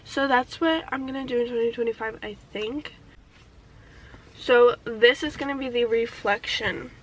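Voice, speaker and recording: A woman's voice: fairly high pitch, normal speed, slight background noise, rough recording. A young woman talking casually and candidly in a year-in-review vlog, reflective and swearing freely, getting teary at times. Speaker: vlogger.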